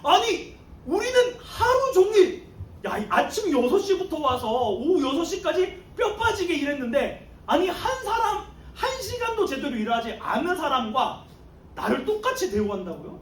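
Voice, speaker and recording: A man voicing indignant day laborers, adult men complaining loudly about their unfair pay. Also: extremely high pitch, sing-song, a little fast, slight background noise. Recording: echoey room, mic far off.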